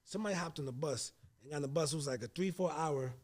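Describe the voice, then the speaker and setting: A man in his late thirties hosting a casual podcast chat, slangy and animated, acting out what people said to him. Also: a little high, fast. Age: 30s. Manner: animated storyteller, acts out quotes, slangy. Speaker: host.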